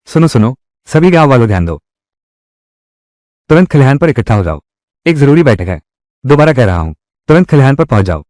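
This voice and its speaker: A man acts out a village leader in a dubbed drama, proclaiming news like a town crier. His mid-pitched voice moves up and down in a lively way as he addresses the villagers. The sound is dry. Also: brisk, pauses often, dry recording, close to an everyday voice. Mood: summoning, urgent.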